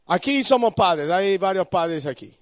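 A man preaching a sermon at a youth conference, asking listeners questions by name and swinging from quiet low warnings to high shouted pleas. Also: animated, measured pace, no room sound, studio quality. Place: conference hall.

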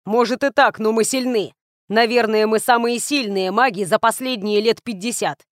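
A woman reads a young male necromancer full of ambition and pride. He yells to persuade, loud but only a little above her own pitch. The recording is dry and close. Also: steady tone, moderate pace, no echo, natural voice. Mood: yelling. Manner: yelling, persuasive.

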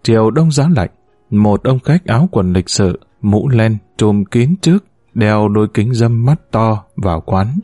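A man narrating a story in a steady, even reading voice. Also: lowish voice, unhurried, no echo, soft background music. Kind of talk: scripted narration.

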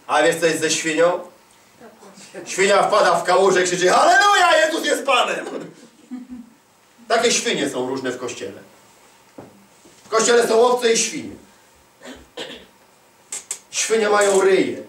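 Male preacher, high voice, emphatic call-and-response, distant mic in a large echoey hall. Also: big pitch swings, a little slow, long pauses, fairly bright tone. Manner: emphatic, repeats lines and calls for answers. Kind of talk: charismatic sermon. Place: large hall at a church conference.

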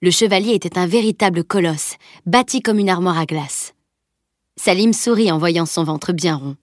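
A woman narrating a novel as an audiobook, reading in a steady, even way. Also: fairly low pitch, moderate pace, no room sound, clean studio sound.

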